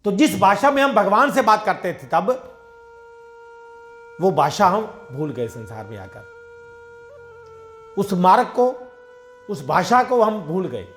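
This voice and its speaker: Sing-song and slow, with long pauses, this man's high, slightly bright voice carries over faint music. As a satsang preacher, he gives a devotional sermon of everyday parables in conversational storytelling, acting out the dialogue in his own voice.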